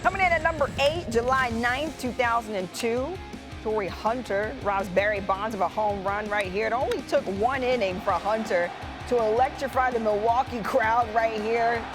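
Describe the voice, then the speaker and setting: A woman presents a top ten sports countdown as a co-host. Her voice sits high, and she drops playful, chatty asides into the highlight commentary. Music plays prominently behind her. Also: moderate pace. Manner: conversational asides and playful reactions. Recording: loud music bed behind voice.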